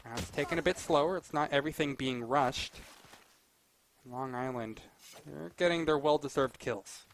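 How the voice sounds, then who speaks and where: A man doing live play-by-play as an esports caster, excitable and conversational. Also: fairly high pitch, normal speed, a little hiss or hum.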